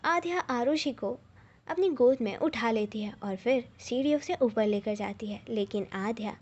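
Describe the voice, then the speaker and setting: A woman reading a romance story aloud in a plain, unhurried narration. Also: fairly high pitch, a little mellow, husky, lo-fi sound.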